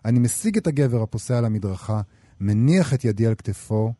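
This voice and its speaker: A man reading a novel excerpt aloud on a radio show, in a measured, expressive way. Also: mid-range voice, no echo, studio quality.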